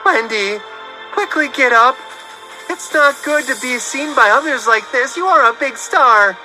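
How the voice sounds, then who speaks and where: A man's voice: very high-pitched, animated, unhurried, sharp tone, faint music behind, pitched above the performer's own voice, heavily acted, rough recording. A man voicing a hurt, meek old mother who speaks with a trembling voice. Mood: pleading.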